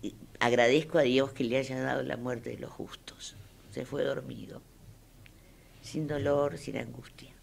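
An older woman with an Argentine Spanish accent, an actress telling stories in an interview in an emphatic, expressive way. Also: a bass voice, a little slow, gravelly, slight background noise. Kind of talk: interview reminiscence.

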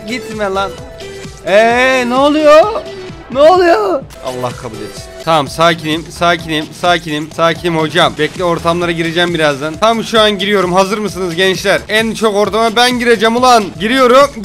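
A young gaming YouTuber delivers casual let's-play commentary, jokey and excitable. He swings from low mutters to sudden yelps and shouts.

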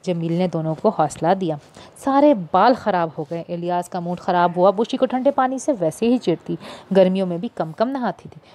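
A woman's voice: lively intonation, normal speed, warm tone. A woman narrating a novel as an audiobook, lifting her voice for the characters' dialogue. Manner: shifts into higher, livelier voices for characters' dialogue. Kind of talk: reading a novel aloud, voicing characters.

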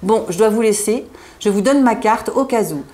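Brief: a plump, beaming undertaker pitching his wares, loud and cheery, as a woman reads him out. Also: normal speed, close to an everyday voice. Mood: enthusiastic. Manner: cheery, booming salesman patter. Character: jovial chubby male undertaker salesman.

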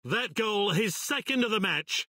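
High-pitched, excitable football game commentator. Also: male voice, measured pace, husky, dry recording, exaggerated voice. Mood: measured commentary. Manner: excitable, exclamatory calls. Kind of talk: scripted video game sports commentary. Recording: loud stadium noise behind.

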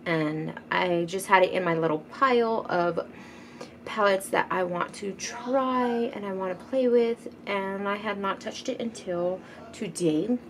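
Slow-talking woman chatting over makeup. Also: on the low side, vocal fry. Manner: chatty, rambling, often drops to a soft murmur. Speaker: beauty vlogger. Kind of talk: casual makeup tutorial chat. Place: home. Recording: noticeable background noise. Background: teenager gaming loudly in the background.

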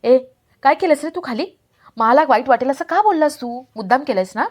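A caring young wife, coaxing one moment and reproachful the next, as a woman narrator puts her on. The voice rides fairly high. It stays close to the reader's own voice. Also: a little fast, lightly acted.

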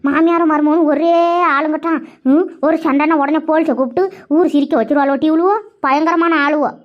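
Gossipy greedy village woman , woman voicing, very high and rapid. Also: steady tone, highs cut off, lightly acted. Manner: chattering, scolding gossip.

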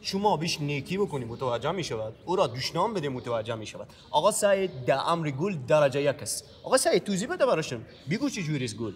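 An actor playing a chatty greenhouse worker who talks in oddly formal, bookish phrases. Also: male voice, a little high, very animated, few pauses, big-room sound.

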